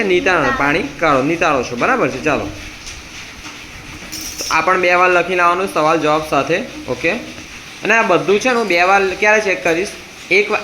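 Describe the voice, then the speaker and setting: A man's voice: high-pitched, bright, forceful tone, a little hiss or hum. A man teaching a science class with a Gujarati accent, drilling students by asking a question and repeating the answer again and again. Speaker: tuition teacher. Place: tuition classroom.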